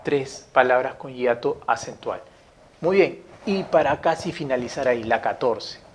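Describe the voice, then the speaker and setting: During a grammar lesson, a man with a medium-pitched voice reads every example sentence slowly and repeats it, pausing to check in with his listeners. There's slight hiss or hum in the background.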